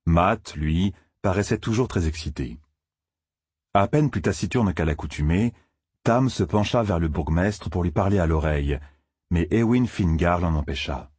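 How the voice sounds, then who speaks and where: A man narrates an audiobook in a steady, measured way. His voice sits very low and husky, recorded dry and close. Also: dry recording.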